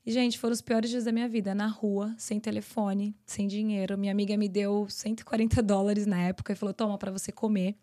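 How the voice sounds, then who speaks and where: Fast-talking Brazilian woman telling her story. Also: medium pitch, flat delivery, mellow. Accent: Brazilian Portuguese. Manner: earnest, tells events in long rapid runs. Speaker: guest. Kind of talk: personal storytelling in a podcast interview.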